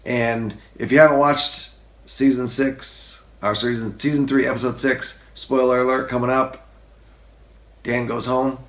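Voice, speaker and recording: A man's voice: mid-range voice, little pitch movement, measured pace, roomy sound. A man hosting a casual couch commentary, joking and acting out quotes in silly voices. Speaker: host.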